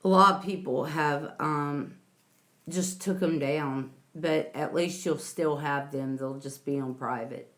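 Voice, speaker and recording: A woman with a deep, fairly even voice hosts a casual livestream, reading chat and talking with viewers. She speaks slowly and homily, calling them sweetie and honey.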